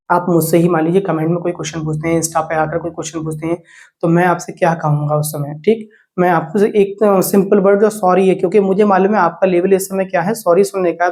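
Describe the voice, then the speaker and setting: A man lecturing fast and earnestly, his voice sitting high. He drops in English terms and keeps checking in with short confirmations. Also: a little mellow. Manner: rapid, repetitive, peppered with "theek"; mixes Hindi with English words. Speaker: teacher. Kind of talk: exam coaching talk.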